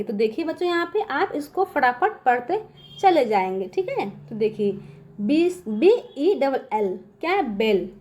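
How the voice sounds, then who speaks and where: This is a woman teaching a beginners' English lesson in a high, light voice. She explains letter sounds step by step and keeps checking that the children are following. When she spells a word, she slows down and draws out each sound. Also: a little mellow. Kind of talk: classroom-style lesson explaining phonics rules.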